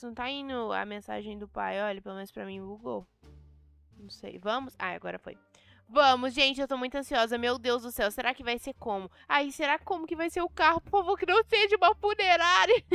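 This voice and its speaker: Bright Brazilian woman narrating game role-play. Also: a little high, smooth, dry recording. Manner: dramatic, excitable, talks straight to viewers. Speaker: gaming video host.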